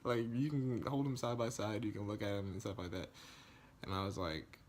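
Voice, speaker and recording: A young man telling a casual storytime vlog, slangy and animated, acting out the quoted lines. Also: brisk, slight background noise. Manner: animated, acts out quoted lines, rises in pitch when indignant; loose slangy speech with many likes and restarts. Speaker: vlogger.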